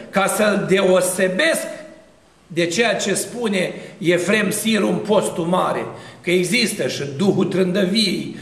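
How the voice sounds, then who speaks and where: A man's voice: high voice, reverberant, big-room sound. A man preaching a sermon as an Orthodox priest, emphatic and building repeated phrases into rising cadences.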